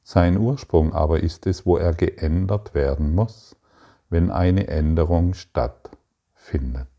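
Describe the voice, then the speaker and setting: A man giving a spiritual teaching, reading passages aloud and answering his own rhetorical questions in a deliberate way. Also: low voice, mellow, highs cut off.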